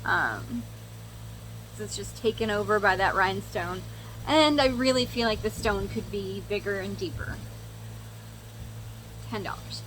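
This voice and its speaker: A woman's voice: medium pitch, animated, measured pace, pauses often, fairly bright tone, a little hiss or hum, low-quality recording. A young woman chatting casually to viewers and telling a story as she does her makeup, candid and sweary with sarcastic asides. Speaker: makeup vlogger.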